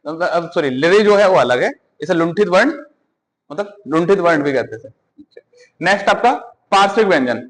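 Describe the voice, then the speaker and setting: A male teacher with a north Indian Hindi accent who gives a grammar lesson, asks the class questions, answers them himself and repeats sounds slowly. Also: a little high, rough recording.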